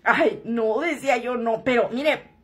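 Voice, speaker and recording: A woman talks straight to camera in a high voice. She tells her story frankly and swears freely. She jokes her way through it. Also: a little slow. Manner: joking, frank and crude-spoken. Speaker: vlogger.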